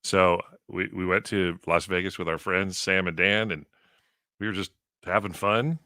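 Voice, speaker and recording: Deep bright-voiced radio host. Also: male voice, fairly even intonation, moderate pace, no room sound, studio quality. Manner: chatty storyteller, laughs often. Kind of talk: casual morning radio banter.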